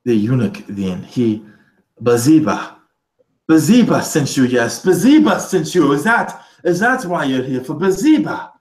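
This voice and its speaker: A nervous court vizier, put on by a man, who pleads and stammers when cornered. His voice sits low, and it rings in a roomy space. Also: measured pace, a little mellow, lightly acted. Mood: startled. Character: anxious scheming male court vizier.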